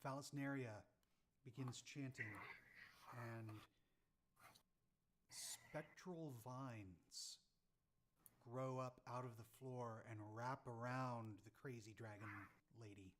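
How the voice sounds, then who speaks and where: Game master, male: unhurried, medium-pitched narration with frequent ums and restarts. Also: steady tone, fairly bright tone. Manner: halting, many ums and restarts.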